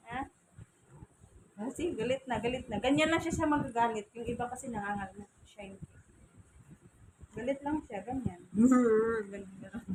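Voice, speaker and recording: At home by a fan, a pet owner vlogger with a Filipino accent dries her cat while chatting to it in teasing, cooing baby talk. Her voice is a little high, and the background is noisy.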